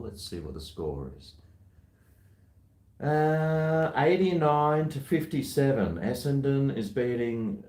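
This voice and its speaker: Australian man, unhurried drawl, casual home vlog, handheld camera. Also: on the low side. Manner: rambling, mutters to himself. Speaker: vlogger. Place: at home, large empty house.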